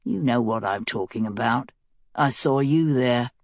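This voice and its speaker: Woman playing sly scheming prisoner guy, low mocking drawl, dry close sound. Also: unhurried, dry recording.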